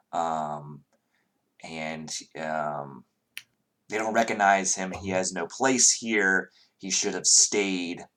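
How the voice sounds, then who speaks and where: A man's voice: low-pitched, fairly bright tone. A man narrating as game master of a tabletop game, talking hesitantly with many fillers.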